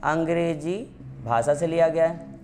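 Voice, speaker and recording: A man's voice: sits high, moderate pace, slight background noise. A man teaching a grammar lesson for exam prep, calling his students "beta", asking them questions and answering them himself, and repeating the key points.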